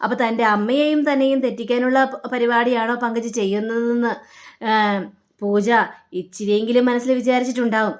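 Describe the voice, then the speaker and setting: A woman casually retelling a TV serial episode, chatty, with frequent drawn-out fillers. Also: fairly high pitch, fairly even intonation. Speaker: TV serial recap narrator. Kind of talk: casual storytelling recap.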